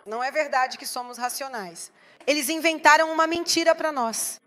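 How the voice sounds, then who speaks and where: A woman's voice: high voice, moderate pace, pushed and bright. A woman pastor preaching a sermon, emphatic and putting rhetorical questions to the congregation.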